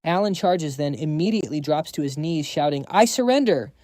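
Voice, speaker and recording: A man's voice: on the high side, a little fast, a little mellow, dry recording, studio quality. A man narrating a scripted story recap, dropping quips to the audience.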